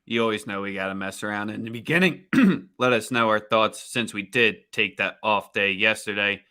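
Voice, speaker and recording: A man's voice: lowish voice, normal speed, sharp tone, clear, resonant tone. A man co-hosting a casual sports betting show, talking loosely with jokes and slang. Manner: loose, joking, slangy delivery. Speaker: podcast co-host.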